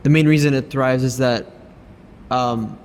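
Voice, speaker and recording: A man's voice: medium pitch, steady tone, unhurried, a little mellow. A man hosting a casual chat, asking questions hesitantly with many fillers. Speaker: host. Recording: roomy reverb with background hiss.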